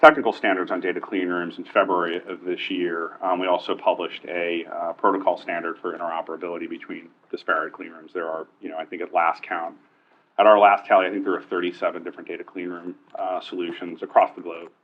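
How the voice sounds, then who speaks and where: Deep-voiced male panel moderator, joking. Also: little pitch movement, quick pace, narrow, tinny audio. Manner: joking, loose delivery with frequent fillers. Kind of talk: live panel discussion. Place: conference stage.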